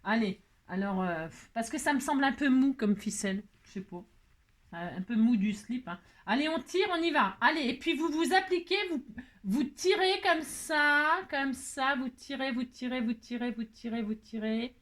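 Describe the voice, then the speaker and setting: A chatty woman from France leads a relaxed crafting tutorial, joking at her own attempts as she works. Her voice sits on the higher side, and she keeps checking in with her viewers as she talks. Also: moderate pace. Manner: playful, self-mocking, frequent "hein" tag; cooing baby talk to her pet. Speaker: crafting video host.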